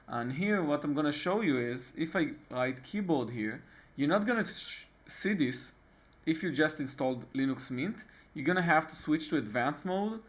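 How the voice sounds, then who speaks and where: Speaking in an Israeli accent, an Israeli man hosts a casual, halting screen-recorded computer tutorial, pausing on fillers and starting sentences again. His voice is fairly high-pitched, expressive and fairly bright.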